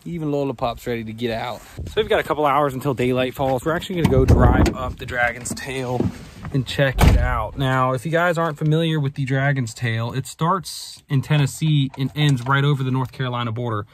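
Speaking briskly at a medium pitch, a young man records a casual travel vlog on a phone held at arm's length, in his van and out on mountain roads. His manner is laid-back and upbeat, "freaking sick" comes up constantly, and the phone mic catches outdoor noise.

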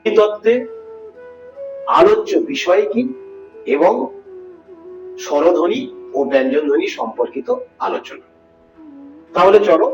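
A male teacher from West Bengal giving a grammar lesson, asking his students questions and explaining step by step. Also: on the high side. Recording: roomy, distant, dull sound with music behind.

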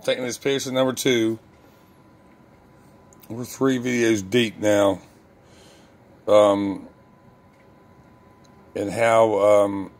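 A man talking casually to the camera about his hobby, rambling with lots of ums and restarts and poking fun at his own mistakes. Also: fairly low pitch. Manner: self-deprecating and candid. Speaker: lock-picking hobbyist vlogger.

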